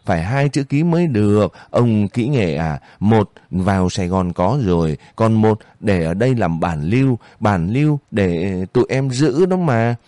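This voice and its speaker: A man's voice: lowish voice, lively intonation, unhurried, hardly any pauses, dark tone, no room sound, clean studio sound. A man voicing a sly, mocking male military advisor who taunts and wheedles his captive. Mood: wheedling.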